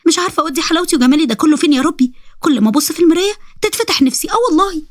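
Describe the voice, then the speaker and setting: Woman doing a squeaky vain egyptian teen girl, super giddy and fast. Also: no room sound, clean studio sound. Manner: gushing, squealing with excitement.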